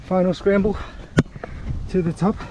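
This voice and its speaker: A man's voice: high voice, little pitch movement, a little slow, heavy background noise. A man chatting casually to his vlog on a mountain trail run, out of breath and breathing heavily. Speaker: vlogger.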